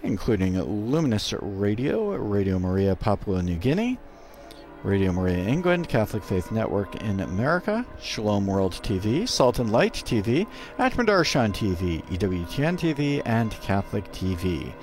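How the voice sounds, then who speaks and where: A man with a low voice narrates a live broadcast from a studio, translating in short, halting bursts. Music plays clearly behind him throughout. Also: very animated, a little mellow. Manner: interprets in short, halting phrases. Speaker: radio commentator and interpreter.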